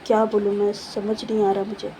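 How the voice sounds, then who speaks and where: A woman voicing a shy, lovestruck young woman who talks in hesitant, halting bits and mixes in English words. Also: medium pitch, completely flat delivery, noisy background, close to an everyday voice. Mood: shy, flustered.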